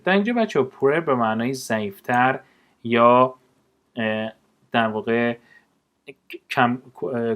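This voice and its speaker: Man, English teacher, vocabulary lesson, slow careful example sentences, quick explanations. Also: mid-range voice, a bit bright. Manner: explains words in Persian, reads English examples slowly.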